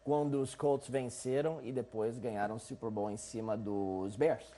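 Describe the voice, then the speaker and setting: A man with a Brazilian accent giving conversational sports highlights commentary as a show analyst. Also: fairly even intonation, normal speed, mellow.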